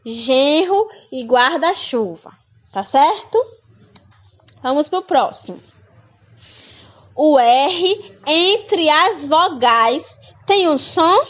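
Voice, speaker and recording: A woman's voice: high-pitched, muffled recording. A woman teacher giving a children's phonics lesson, patiently repeating example words and asking her pupils questions. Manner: asks pupils questions, calls them dear.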